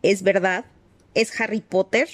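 A woman's voice: mid-range voice, fairly even intonation, unhurried, no room sound, lightly acted. A woman voicing an old male house-elf servant who mutters resentfully and talks about himself in the third person, in an audiobook reading. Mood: bitter muttering.

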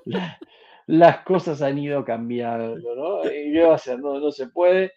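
A man, a talk host who reels off football scores in a loose, chatty way, full of "eh" fillers. His voice sits a little high for a man. The audio is dull and lo-fi, as if the mic were muffled. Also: measured pace, dark tone. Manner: chatty, rattling off match results with fillers. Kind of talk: casual sports talk.

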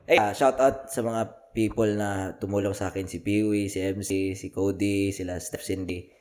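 A podcast host with a Filipino accent and a low-ish voice tells stories at a normal speed. His casual banter is animated, and he laughs often.

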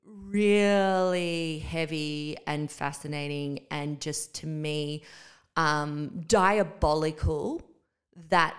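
Woman, podcast co-host, smooth lower voice, casual and chatty. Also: drawn-out words. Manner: chatty, laughs easily, thinks aloud with ums. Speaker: podcast co-host, Pilates teacher trainer.

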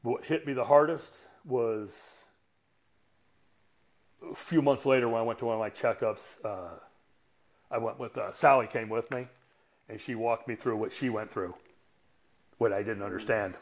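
Casting: man in his sixties, coach and podcast guest, blunt cussing storyteller, halting with fillers. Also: medium pitch. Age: 60s. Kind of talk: casual storytelling.

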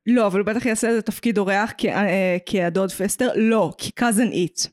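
A woman's voice: medium pitch, a little mellow, no room sound, clean studio sound. A woman with an Israeli accent co-hosting a casual pop-culture podcast, opinionated and jokey, dropping in English phrases. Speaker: podcast co-host.

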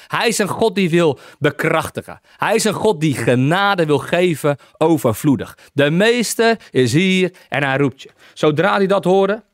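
Man preacher, emphatic and repetitive, slightly high voice, dry close sound. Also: dry recording. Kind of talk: sermon, Bible teaching.

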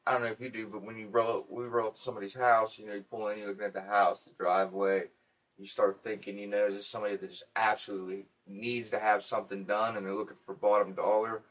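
A man hosting a podcast, telling stories in a casual, profane, animated way. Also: fairly low pitch, fast, far from the mic. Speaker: podcast host.

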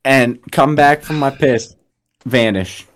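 A man's voice: mid-range voice, slow. A young man telling stories in casual chat, blunt and profane, with frat-bro slang. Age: young adult.

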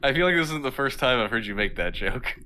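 A man's voice: mid-range voice, expressive, fast talker, sharp tone. A man co-hosting a podcast, teasing his partner and laughing easily in casual chat. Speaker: podcast co-host.

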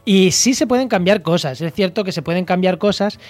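A man's voice: high voice, fairly quick, darkish tone, dry recording. A man from La Mancha, a guest expert on a radio program, explaining environmental studies thoughtfully with many hesitations and restarts. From Castilla-La Mancha, Spain.

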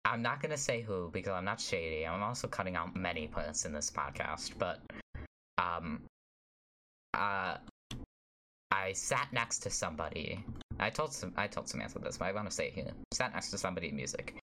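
A man's voice: sits low, expressive, moderate pace, sharp tone, a little hiss or hum. A teenage boy with a slight lisp, co-hosting a podcast in rambling casual chat and swearing freely. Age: teens. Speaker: podcast co-host.

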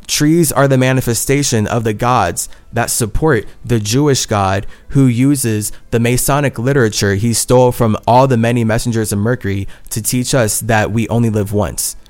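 A man's voice: medium pitch, moderate pace, few pauses, darkish tone. A man hosting a solo podcast monologue, talking in an earnest, intense way and repeating his phrases. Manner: earnest and intense, swings between heated and tender, repeats phrases. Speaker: podcast host.

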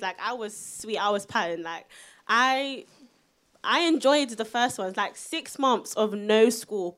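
A woman's voice: medium pitch, fairly bright tone. A young woman of seventeen with a South London accent, chatting casually and slangily as a youth podcast co-host. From South London, England. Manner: informal, slangy, frequent "like". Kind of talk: casual live panel chat.

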